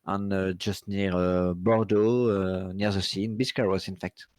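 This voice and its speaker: French guy, accented english, low voice, hesitant. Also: fairly even intonation, a little mellow, dry recording, clean studio sound. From France. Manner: halting, searching for words.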